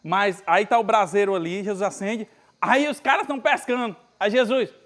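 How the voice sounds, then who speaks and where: A male pastor with a northeastern Brazilian accent preaching a conversational sermon at a retreat, acting out Bible scenes with lively everyday speech. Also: high-pitched, moderate pace. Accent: Brazilian Portuguese, northeastern.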